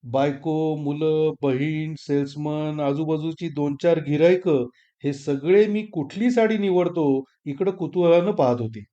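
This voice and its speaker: A man's voice: on the high side, a little slow, mellow, highs cut off. Wry male audiobook storyteller. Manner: wry, self-mocking first-person narration. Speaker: story reader.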